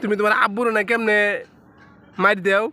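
A woman's voice: medium pitch, level tone, brisk, pushed and bright, a little hiss or hum. A woman playfully coaxing a small child, asking him question after question in casual talk. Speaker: parent filming her toddler.

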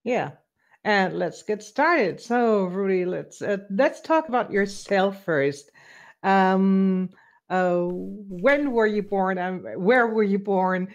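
A woman's voice: mid-range voice, slow, muffled recording. A woman hosting a casual interview over a video call, asking chatty, friendly questions.

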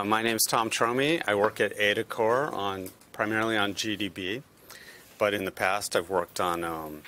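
A man's voice: low voice, sharp tone, a little hiss or hum. A man speaking informally and off the cuff as a panelist in a lecture room. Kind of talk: informal, unprepared panel remarks.

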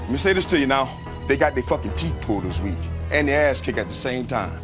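A man's voice: medium pitch, expressive, quick pace. A man, a football coach, giving profane, fired-up sideline talk in a stadium. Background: music.

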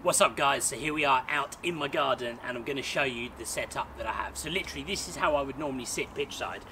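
A man who is a sports photographer and vlogger gives a casual, upbeat walkthrough of his gear, explaining it step by step to camera in a small back garden. His voice is medium-pitched and fast. The camera mic sits on a tripod a few feet away, and the outdoor audio picks up noticeable background noise.

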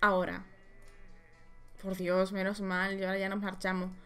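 A woman with an accent from Spain plays through a video game and reads each character's line aloud in translation. Her delivery is plain and casual, with quick reactions between lines. Faint game music plays behind her. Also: mid-range voice, completely flat delivery, fairly bright tone. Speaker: let's player.

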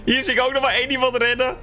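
A man's voice: very high voice, level tone, a little fast, bright, forceful tone, faint music behind. A man hosting a multiplayer game event, giving urgent commentary and instructions to the players. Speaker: event host.

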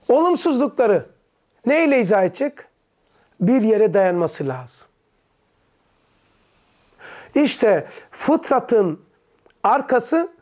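Man with a high voice, religious study teacher, quizzes his listeners, explains terms simply. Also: a little mellow. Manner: quizzes listeners with quick questions and answers himself; explains terms in plain words. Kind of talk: teaching a text to a small group.

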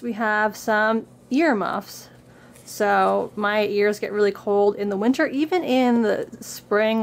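This medium-pitched, gravelly voice comes from a young craft vlogger still getting over a cold, with slight background noise. Indoors before a plain backdrop, she casually presents what she carries in her bag, reading book excerpts upbeat and then talking plainly.

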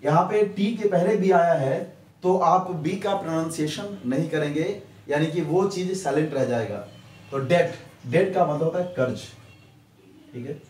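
A man teaching English pronunciation in Hindi, repeating each rule slowly and answering his own questions. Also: fairly high pitch, a little mellow. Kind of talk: Hindi grammar lesson. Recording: echoey room, distant mic.

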